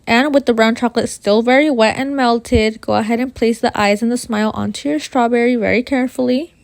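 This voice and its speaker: A woman's voice: a little high, fairly even intonation, fairly quick, gravelly, no room sound. A woman narrating a how-to baking tutorial in an informal way, with a slight lisp and whistling s. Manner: addresses viewers informally as you guys. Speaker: baking video host.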